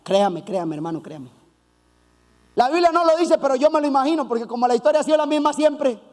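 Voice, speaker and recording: High-voiced animated male preacher. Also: fast, in a large hall. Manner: animated storytelling with playful asides; acts out voices of biblical figures. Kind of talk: sermon.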